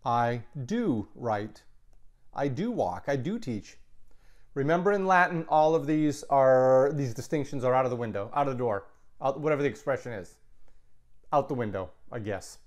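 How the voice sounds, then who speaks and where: A man teaching a recorded grammar lesson, explaining slowly and patiently, sometimes correcting himself mid-sentence. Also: mid-range voice. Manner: slow, patient explaining with self-corrections and asides. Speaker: Latin teacher.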